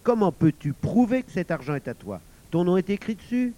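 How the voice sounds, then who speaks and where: A stern grown-up bank cashier, probing and severe, as a male reader voices him. His questions rise with a lively lilt in a storybook reading. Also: sits high, fairly quick, voice pushed up.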